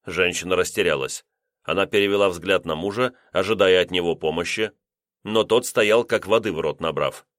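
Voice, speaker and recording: A man narrating a novel as an audiobook, in expressive storytelling tones on a close mic. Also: low voice, moderate pace, no room sound. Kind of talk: scripted narration.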